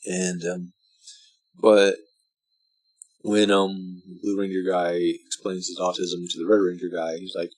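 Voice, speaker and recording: A drunk man giving casual, rambling movie commentary, halting and meandering, often trailing off mid-thought. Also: deep voice, flat delivery, darkish tone, poor audio. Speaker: vlogger reviewing a film.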